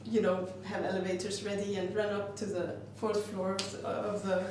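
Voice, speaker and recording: A woman from Iceland, a glass artist, describes her work reflectively and often breaks off to find words, speaking at a moderate pace with a flat mid-range voice. The recording sounds very roomy and noisy, with the mic placed far away.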